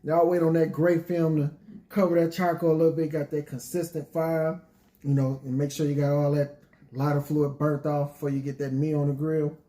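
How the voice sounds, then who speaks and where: Laid back mellow guy, folksy preacher type, just talking reflectively to folks. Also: fairly high pitch, flat delivery, brisk. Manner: folksy, preacherly, often addresses listeners as y'all. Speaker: poet addressing an audience. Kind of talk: informal, reflective talk to listeners.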